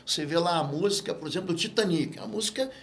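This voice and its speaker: A man with a Brazilian Portuguese accent, a guest pastor teaching in an interview and telling stories with lively acted-out dialogue. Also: sits high, racing. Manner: animated storyteller who acts out quoted dialogue. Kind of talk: interview, teaching on spiritual matters.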